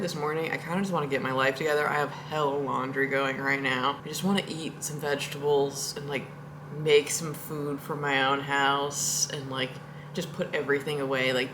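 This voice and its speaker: Woman vlogger at home, lowish bright voice, rambly and giggly, bit of background hiss. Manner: chatty, rambling, laughs often. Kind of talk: casual storytelling vlog.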